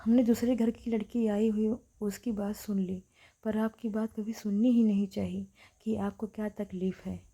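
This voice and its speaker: Brief: a woman playing a remorseful adult son, quiet. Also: mid-range voice, flat delivery, normal speed, breathy edge, low-quality recording. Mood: ashamed. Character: grown son, ashamed and quiet.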